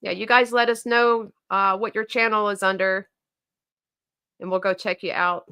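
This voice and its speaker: A woman's voice: mid-range voice, steady tone, normal speed, pushed and bright, smooth. A woman with a Southern accent, co-hosting a casual livestream and chatting about viewer comments with plenty of fillers and restarts. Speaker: co-host of a knife company livestream.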